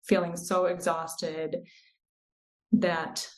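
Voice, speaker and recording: A woman in her thirties, a coach speaking as a podcast guest, explaining in an earnest, measured way. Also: fairly low pitch, flat delivery, a little mellow, low-quality recording. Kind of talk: interview conversation.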